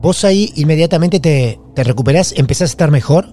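Gentle mellow-voiced male host. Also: a little high, expressive, fast talker. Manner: gentle, reassuring short responses. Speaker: podcast host. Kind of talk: interview reactions.

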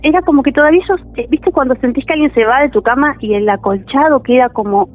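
High-voiced tearful woman on a phone line. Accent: Rioplatense Spanish. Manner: halting, restarts often, voice wavers with emotion. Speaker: caller sharing a personal story. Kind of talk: emotional first-person storytelling.

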